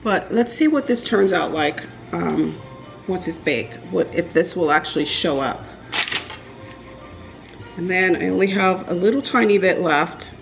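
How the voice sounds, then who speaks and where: A woman's voice: fairly low pitch, unhurried, vocal fry, music in the background, poor audio. A woman chatting casually in her home kitchen as she bakes cookies for her vlog, rambling with many fillers and restarts. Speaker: vlogger. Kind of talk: casual baking vlog chat.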